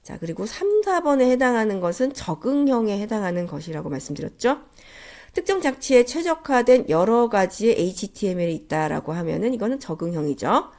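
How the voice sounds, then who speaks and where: A woman's voice: mid-range voice, sing-song, brisk, a little mellow. A woman lecturer with a nasal, stuffed-up cold voice, giving a polite, explanatory lesson. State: congested with a cold. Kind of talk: instructional slide lecture.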